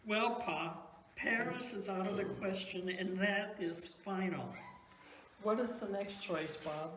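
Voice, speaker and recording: In a roomy, echoing space with some noise, a woman plays a stubborn older wife in a comedy skit. She speaks slowly and emphatically, dismissive and firm. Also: medium pitch, natural voice. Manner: emphatic, deliberate refusals. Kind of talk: amateur church comedy talk-show skit. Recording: roomy echo, background noise.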